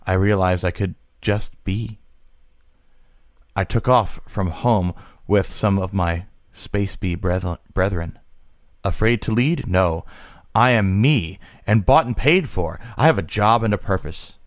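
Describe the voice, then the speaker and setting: A man, a podcast co-host, reading a short science-fiction story aloud at a slow, measured pace, sometimes stumbling over a word. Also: low-pitched, dry recording, studio quality.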